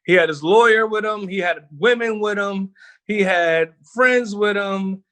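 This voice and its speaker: A middle-aged man from Philadelphia with a high, ringing, bright voice tells stories in a casual interview. He is animated and laughs often, swearing freely as he goes. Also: a little slow. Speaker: guest, rapper. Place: home kitchen while cooking.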